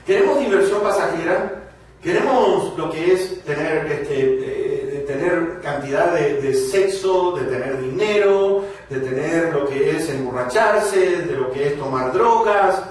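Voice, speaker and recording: A man's voice: on the high side, far from the mic. A man preaching a sermon, speaking emphatically to his congregation, his voice rising and falling. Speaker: pastor. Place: church hall. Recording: very echoey hall, voice from afar.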